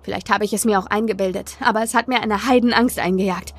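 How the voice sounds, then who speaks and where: A woman's voice: medium pitch, steady tone, fast, breathy edge. A woman reading aloud and voicing a frightened young man who talks brusquely and shakily. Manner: brusque, shaky. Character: scared, rough young man, brusque then stammering.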